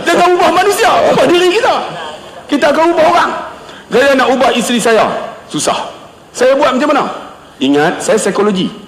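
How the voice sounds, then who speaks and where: A middle-aged male preacher speaks loudly to an audience and acts out the people in his anecdotes. His voice sits high for a man and swings widely in pitch. The sound rings with the long, roomy echo of a large hall. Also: brisk, a faint crowd, a little hiss or hum. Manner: loud, animated storytelling with voiced quotes. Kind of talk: humorous religious lecture. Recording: echoey hall, long reverb.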